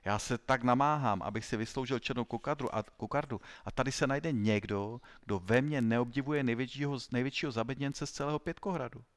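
A man voicing a boastful, dim-witted schoolboy in an audiobook, speaking in a high, strained, whiny voice. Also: few pauses, no echo, close to an everyday voice. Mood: smug. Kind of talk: audiobook reading.

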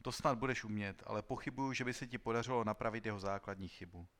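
A man's voice: on the low side, natural voice. Man voicing a sorrowful old robot engineer. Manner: calm, fatherly, heavy-hearted. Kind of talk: dramatized audiobook reading.

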